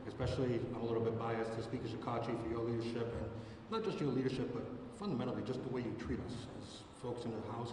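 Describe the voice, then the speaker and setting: A man from South Providence, a state representative, giving a speech at a press conference, with some hesitations and fillers. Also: medium pitch. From South Providence, Rhode Island. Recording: echoey hall from far off with noise.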